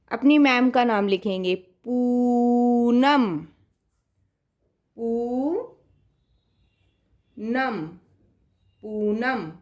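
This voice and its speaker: Woman primary teacher; high voice, unhurried, patient and coaxing, mixes in English words, drags out dictation words. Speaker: primary school Hindi teacher. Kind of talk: online class for young children.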